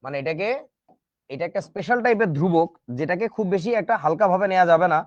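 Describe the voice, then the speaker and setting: A man with a high, animated voice speaks quickly while teaching a casual online chemistry class. He chats and tosses joking asides to his students; the recording is muffled but has no echo.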